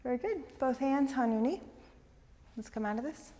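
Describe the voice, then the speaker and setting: Fast-talking, eager female stretch instructor. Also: high-pitched, animated, warm tone, long reverb tail. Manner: eager, talks fast, coaching cues. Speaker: fitness instructor. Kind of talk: guided stretching class.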